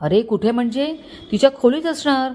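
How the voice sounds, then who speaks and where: A woman voicing a shrill, quarrelsome middle-aged mother who panics and scolds the men of the house in a storybook reading. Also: animated, normal speed, a little mellow. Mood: alarmed.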